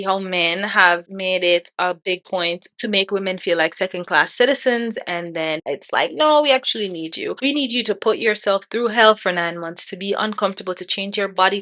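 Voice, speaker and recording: A woman in her twenties talks through her opinions in a solo podcast, blunt and irreverent. Her voice is bright and forceful, and she often breaks into laughter or fires off rhetorical questions at the listener. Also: medium pitch. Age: 20s. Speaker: podcast host. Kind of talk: casual opinion monologue. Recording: odd-sounding mic.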